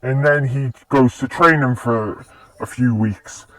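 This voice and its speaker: Slow, rambling male storyteller, casual; dry, distant mic. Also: mid-range voice, a crowd in the background. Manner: rambling, with restarts. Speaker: fan story narrator.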